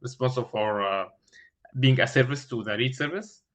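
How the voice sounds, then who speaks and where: A man explaining a technical design as an interview candidate, haltingly, searching for words with many filled pauses and repeated starts. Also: medium pitch, a bit bright. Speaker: engineering candidate in a mock system design interview. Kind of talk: thinking aloud through a technical design explanation.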